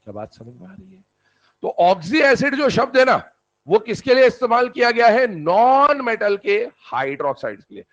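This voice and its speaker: A man teaching a chemistry lesson in a lively lecturing manner, putting questions to students and answering them himself. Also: very high voice, normal speed, lo-fi sound. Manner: animated, calls students "beta", answers his own questions. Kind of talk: classroom lecture.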